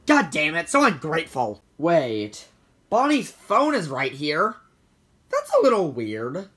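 A performer voicing a dim, excitable male animatronic bear in a homemade puppet skit, who keeps swinging between shouts and mumbles. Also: medium pitch, slow, breathy edge, exaggerated voice. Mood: goofy.

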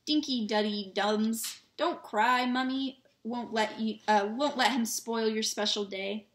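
A woman's voice: medium pitch, normal speed, distant mic, natural voice. A woman voicing a fussy, snappish middle-aged aunt in a storybook read-aloud, in a roomy-sounding recording. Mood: doting. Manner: sharp, snappish. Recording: roomy echo.

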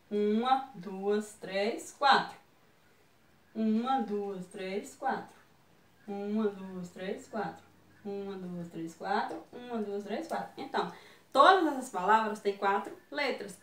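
A woman with a Brazilian Portuguese accent teaching young children, speaking slowly and patiently and sounding out syllables and letters one at a time. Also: fairly high pitch, fairly bright tone, reverberant, recorded from a distance. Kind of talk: online lesson for young children.

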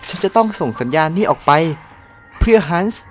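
Brief: man putting on a desperate wounded soldier for a game, strained and pleading, pitched up. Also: animated, fairly quick, soft background music. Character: badly wounded male soldier, alone and desperate.

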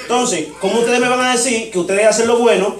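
A male preacher with a high voice tells a story from the pulpit and voices each side of the dialogue. He sounds a little distant from the mic. His voice rings around a large, echoey church. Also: steady tone, fast. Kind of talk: sermon. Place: church sanctuary.

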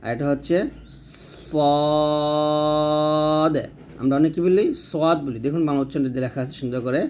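A man teaching Arabic letter pronunciation, patiently repeating each sound slowly for learners to copy. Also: medium pitch, a little mellow, a little hiss or hum. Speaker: Quran reading teacher. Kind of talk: step-by-step pronunciation lesson.

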